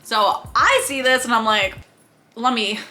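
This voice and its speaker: A young adult woman telling an animated storytime to her viewers, chatty and full of laughs. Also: a little high, soft background music. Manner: animated, fast-talking storyteller with lots of "like" and laughs. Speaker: YouTuber. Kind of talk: storytime vlog.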